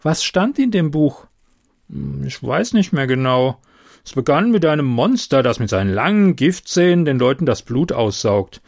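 A man's voice: mid-range voice, very animated, normal speed, darkish tone, dry recording, clean studio sound. A man doing a creepy-teasing boy. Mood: uneasy. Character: boy Eddie, fond of horror and teasing.

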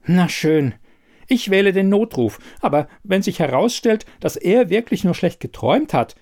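Fretful male smart fridge, read by a man, high strained audiobook voice. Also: expressive, normal speed, a little mellow. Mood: worried. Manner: fretful, increasingly panicked. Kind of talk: audiobook reading.

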